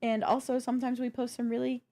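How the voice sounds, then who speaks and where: Co-hosting a gaming news show, a woman chats casually with her audience, addressing them directly while partly reading from notes. Her voice is fairly high and warm, quick in pace, with little pitch movement.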